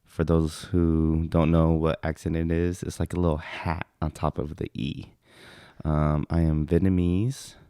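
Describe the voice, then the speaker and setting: Very deep, dark-voiced young man. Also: a little slow, clear, resonant tone, no room sound, studio quality. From California, USA. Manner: relaxed, rambling with many fillers. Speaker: podcast guest. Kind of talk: casual chat.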